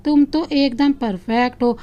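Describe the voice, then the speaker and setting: A woman's voice: sits high, steady tone, measured pace, mellow, muffled recording. A woman voicing a loving, playful young husband who teases his wife affectionately, in a storybook reading. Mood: teasing. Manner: teasing, affectionate.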